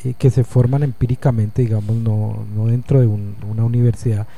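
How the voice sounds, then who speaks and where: A man's voice: mid-range voice, little pitch movement, a little fast, vocal fry, mellow. A man hosting a radio interview, asking questions in a conversational way and summing up his guest's answers. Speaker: radio show host.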